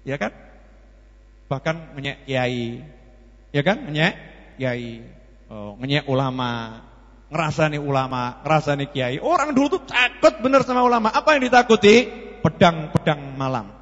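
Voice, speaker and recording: Lively Javanese preacher, husky high voice. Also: male voice, moderate pace. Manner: animated, acts out dialogue in the story, mixes in Javanese. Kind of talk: sermon with storytelling. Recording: lo-fi echoey hall.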